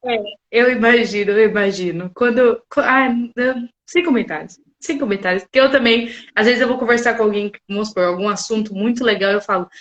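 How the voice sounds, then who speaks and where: A woman with a Brazilian accent hosting a podcast and talking in an expressive, chatty way. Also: on the high side, a little fast, highs cut off. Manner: expressive and chatty, laughing often. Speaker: podcast host. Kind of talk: casual podcast interview.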